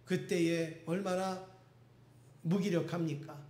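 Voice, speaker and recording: Middle-aged pastor guy preaching a sermon, storytelling, gets loud and emphatic, roomy church sound. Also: sits high, fairly even intonation, slow pace. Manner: storytelling, rising to emphatic peaks. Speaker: senior pastor. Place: church sanctuary. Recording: echoey church hall.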